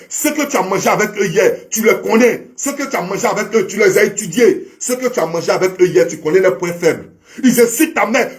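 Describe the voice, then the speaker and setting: A man delivering a preachy, repetitive monologue to a fellow online commentator, heavy with proverbs and addressing him as brother. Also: high-pitched. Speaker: social media commentator. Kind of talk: impassioned monologue to camera.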